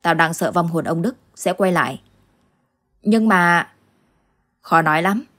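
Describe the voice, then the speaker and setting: A woman voicing a stern older village uncle who fights ghosts, gruff and commanding, in an audio ghost story. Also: fairly low pitch, unhurried, fairly bright tone. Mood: worried.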